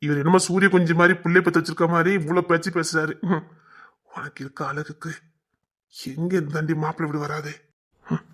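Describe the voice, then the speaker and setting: A man's voice: a little high, level tone, brisk, fairly bright tone. A young man, acting a protective, hot-tempered village lover who teases his girl. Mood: tender teasing. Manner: rough, protective, teasing. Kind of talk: web series drama acting.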